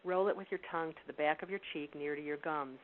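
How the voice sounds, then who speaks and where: A woman's voice: sits low, steady tone, fast, close to an everyday voice. A woman reading as a sly old wizard. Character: elderly male Welsh wizard, sly and kindly. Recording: tinny phone line with hiss.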